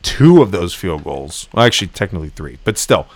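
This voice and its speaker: A man hosting a sports podcast in casual, animated chat, laughing often. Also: low voice, a little fast, no echo. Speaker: podcast host.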